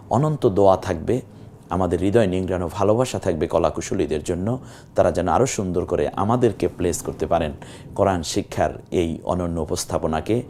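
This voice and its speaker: A man teaching a Quran reading class, who explains each rule step by step, asks and answers his own questions, and draws out the vowels slowly when he demonstrates. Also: low voice, warm tone, slight background noise. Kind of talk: televised Quran reading lesson.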